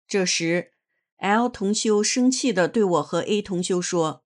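Woman narrator, unhurried, earnest read-aloud testimony, mid pitch. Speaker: reader of a personal testimony.

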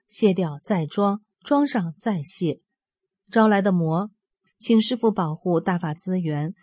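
A woman in her fifties reading aloud a personal account in an earnest, steady storytelling way. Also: mid-range voice, no echo. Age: 50s. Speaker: religious practitioner sharing a testimony.

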